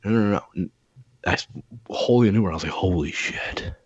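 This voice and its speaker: A man with a very low voice tells stories in loose, rambling casual chat, full of fillers and swearing. The sound is dry and a little dull and lo-fi, with no room around it. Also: fast talker, a little mellow, slightly rough, no room sound. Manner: rambling storyteller, profane, lots of fillers.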